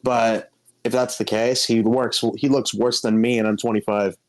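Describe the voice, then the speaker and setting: A man in his twenties, a guest on a casual stream, telling gossipy stories in an animated way. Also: mid-range voice, normal speed. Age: 20s.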